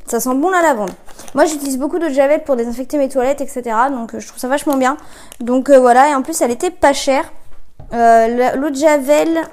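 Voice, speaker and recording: Woman, high voice, casual haul vlogger; hesitant, filler-heavy, self-correcting delivery; phone-camera sound. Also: a little mellow. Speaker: vlogger reviewing discount-store buys. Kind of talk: casual chatty product haul.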